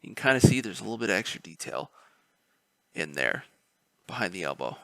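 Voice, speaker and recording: A man's voice: lowish voice, big pitch swings, brisk, creaky, bright, forceful tone, no room sound. A man casually narrating a miniature painting tutorial, rambling a little with fillers and restarts. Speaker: miniature painting hobbyist host.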